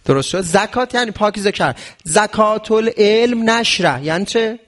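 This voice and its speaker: A man giving a traditional medicine lesson on fasting, asking questions in the listener's voice and answering them himself. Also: high voice, expressive, a bit bright. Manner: asks and answers his own questions. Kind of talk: religious health lesson.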